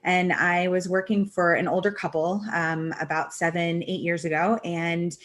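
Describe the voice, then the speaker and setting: A woman's voice: lowish voice, level tone, normal speed. A young adult woman, a travel advisor, answering interview questions in a casual, chatty way.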